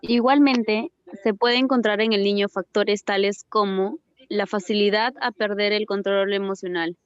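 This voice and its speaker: A woman student reading a passage aloud at a steady pace in class. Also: mid-range voice, clean tone, dry recording, lo-fi sound.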